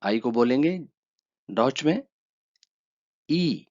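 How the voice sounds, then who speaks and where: Slow, measured male language teacher. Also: medium pitch, animated, darkish tone. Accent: Urdu. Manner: slow, repeats each letter twice. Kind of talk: slow spoken lesson. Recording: dull lo-fi sound.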